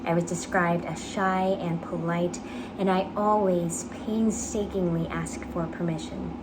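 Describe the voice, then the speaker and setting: A young woman giving an earnest, measured dramatic reading of a personal essay, phrasing it carefully. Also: lowish voice, fairly even intonation. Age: young adult. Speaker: actor reading own application essay. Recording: clearly noisy background ambience.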